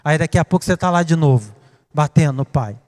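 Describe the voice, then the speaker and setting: A man with a Brazilian Portuguese accent preaching a sermon, dramatic, swinging from hushed to loud. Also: fairly high pitch, animated, quick pace. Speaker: pastor. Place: church. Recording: reverberant church hall.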